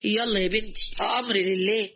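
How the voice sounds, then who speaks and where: A woman's voice: mid-range voice, fairly even intonation, brisk, pushed and bright, muffled recording, slight background noise. A woman voicing a fearful, pious middle-aged father with an Egyptian accent. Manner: exclaiming, pious, resigned.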